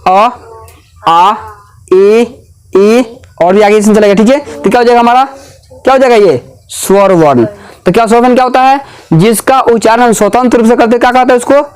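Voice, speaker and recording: A high-voiced man runs a grammar lesson in a classroom at a normal speed. His tone is clean, and he keeps peppering the class with questions, echoing every answer back to them.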